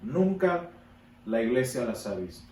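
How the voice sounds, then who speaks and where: A man's voice: mid-range voice, very animated, a little slow, a little mellow. Emphatic man teaching Sunday school, echoey. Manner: emphatic, repeats words for stress, frequent fillers. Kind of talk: Bible teaching. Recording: echoey room from a distance, faint background noise.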